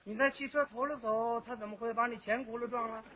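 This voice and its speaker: A man with a Beijing accent voicing a stern male traffic policeman who questions a cyclist in a brisk manner, in a comic crosstalk routine. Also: very high voice, steady tone. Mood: interrogating. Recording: dull lo-fi old recording.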